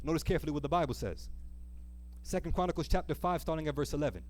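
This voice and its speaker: Quick-paced and fairly high-pitched with a darkish tone, this man preaches an earnest sermon at a live church service. He reads passages of scripture, asks his listeners rhetorical questions and draws out key words for emphasis.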